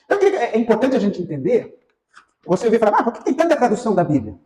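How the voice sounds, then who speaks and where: Brazilian man, Bible class teacher, chatty lecture with fillers, high animated voice, echoey room. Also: very fast. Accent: Brazilian Portuguese. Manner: conversational, asks the class questions, many fillers. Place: church classroom.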